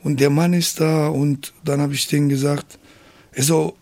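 A man with a raised pitch and a gravelly edge recounts his story in a casual interview. He talks in a lively way and keeps tossing in quick tag questions. The sound is dry and close, with no room around it. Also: dry recording. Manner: animated retelling, frequent tag questions. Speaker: interview guest.

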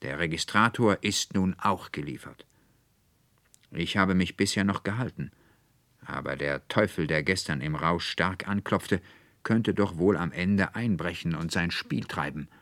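A man's voice: sits low, unhurried, fairly bright tone, dry recording. Man doing a grumbling, pompous old schoolmaster. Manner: grumbling, indignant. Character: irritable older male schoolmaster, pompous.

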